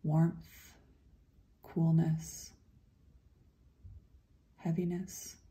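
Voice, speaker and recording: With a relaxed, dark, and very soft low voice, a woman takes listeners through a meditation. She speaks tenderly and at an easy pace, pausing at length between phrases to soothe.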